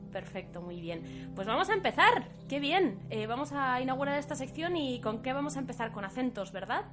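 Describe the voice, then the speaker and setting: A woman's voice: high-pitched, sing-song, a little fast, over music. A woman hosting a podcast, leading the segment in an upbeat, encouraging way and laughing easily. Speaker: podcast host.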